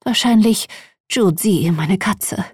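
A woman reading aloud, voicing an older female shop owner who speaks slowly and partly in a whisper. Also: mid-range voice, husky, no room sound, clean studio sound. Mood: anxious. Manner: slow and hushed, partly whispered. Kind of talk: storybook reading.

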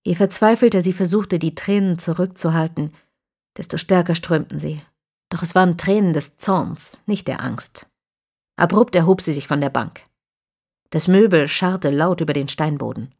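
A woman narrating an audiobook in a measured, even storytelling manner. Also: fairly low pitch.

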